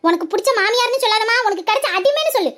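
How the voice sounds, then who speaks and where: A woman's voice: very high-pitched, animated, very fast, fairly bright tone. A woman voicing a patient, wry young mother who coaxes her son.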